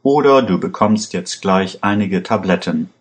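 A man's voice: sits low, expressive, a little slow, husky, heavily acted. A man reading a curt armed gunman. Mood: threatening. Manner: curt, threatening. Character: tense armed man in brown shoes. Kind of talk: read-aloud story voice.

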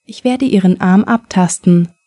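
A woman reading a calm male surgeon. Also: mid-range voice, a little slow, no echo, clean studio sound, natural voice.

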